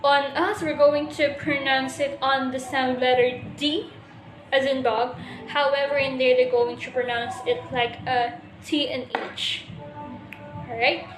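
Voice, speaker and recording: A high-voiced woman gives a class presentation as a student presenter. She explains step by step, pausing often and restarting her sentences. The recording has a roomy echo. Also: level tone, over music. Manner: explanatory, with many hesitations and restarts.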